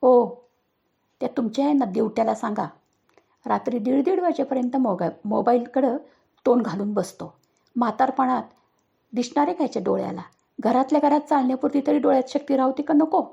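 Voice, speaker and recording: A shrill, nagging mother raises her voice in an audio storybook, played by a woman narrator. Her tone is mellow and gravelly under the loudness. The recording sounds slightly dull. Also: brisk, exaggerated voice. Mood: complaining. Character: stern fed-up middle-aged mother, scolding.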